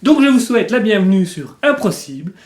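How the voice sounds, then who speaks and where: A man's voice: high-pitched, very animated, brisk, reverberant, a crowd in the background. A man hosting his improv channel, explaining it in a rambling, self-mocking, playful way. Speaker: channel host. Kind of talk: comic improv vlog. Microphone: facing the camera.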